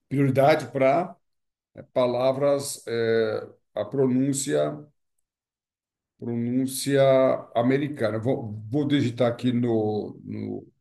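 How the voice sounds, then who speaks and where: Gravelly Brazilian man teaching pronunciation. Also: mid-range voice, dark tone. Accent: Brazilian Portuguese. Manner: explanatory, repeats key words, checks in with tag questions. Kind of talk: online pronunciation lesson.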